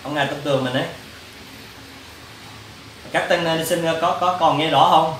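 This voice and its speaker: A monk's casual dharma talk to monastic students rambles and repeats, and he keeps asking them questions. His voice is a little high and fairly bright, steady in tone at a moderate pace, recorded from a distance in a roomy space with faint background hiss.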